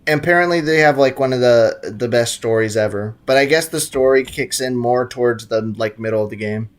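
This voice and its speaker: A young man jokes and rambles casually through a video game playthrough as a gaming YouTuber doing let's-play commentary. His voice is mid-range, clear, and resonant, a little fast, with game music in the background.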